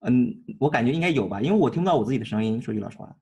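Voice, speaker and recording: A nervous male student with a slightly husky voice reads English test passages aloud. He repeats words hesitantly after his teacher. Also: mid-range voice, expressive, racing, warm tone. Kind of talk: reading aloud for a speaking test.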